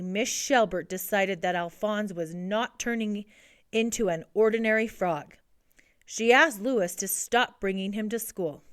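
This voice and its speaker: A woman narrating a children's picture book in a steady storybook reading. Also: mid-range voice, smooth, dry recording, clean studio sound.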